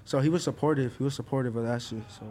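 An eighteen-year-old rapper chats in a casual interview, using laid-back street slang and plenty of fillers. His medium-pitched voice races along with a dark tone.

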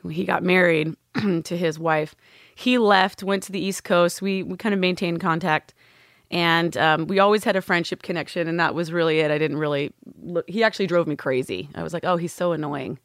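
A woman's voice: fairly low pitch, steady tone, moderate pace, dry recording, studio quality. A woman from California, a guest on a talk show, telling her story in a chatty, candid way. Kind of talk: casual storytelling.

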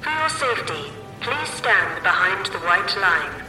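Station announcer: female, serious, measured, official, echoing tannoy, far from the mic. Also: mid-range voice, sing-song. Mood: official, calm. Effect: station loudspeaker. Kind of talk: formal public address announcement. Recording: distant, echoing station tannoy over music.

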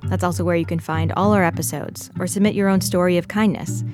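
Measured woman narrating a podcast story. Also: lowish voice, steady tone, a little mellow. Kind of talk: scripted narration. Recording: narration over clear music.

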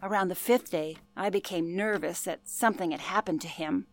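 For a radio play, an actress voices an older former telephone operator reminiscing about her past in an interview style, earnest and genteel in her storytelling. Her fairly low voice moves at normal speed with light acting, recorded without room sound over faint background music.

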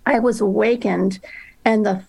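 A woman in casual podcast chat, telling a story in an animated, self-deprecating way. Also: medium pitch, measured pace, gravelly, slightly rough. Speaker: podcast co-host.

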